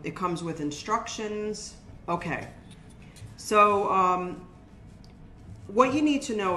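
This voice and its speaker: A woman's voice: lowish voice, fairly bright tone, a little hiss or hum. Chatty older woman teaching a craft. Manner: chatty, practical, talks to viewers as "guys". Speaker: shop owner teaching a craft workshop. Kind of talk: casual how-to demonstration. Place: indoor shop workspace with brick wall. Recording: roomy, faint music behind.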